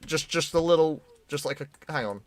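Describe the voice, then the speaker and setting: A man's voice: fairly high pitch, fairly quick. British man chatting dryly while he works. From United Kingdom. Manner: relaxed, self-deprecating, dry jokes. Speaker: streamer, 3D artist. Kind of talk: casual chat while working.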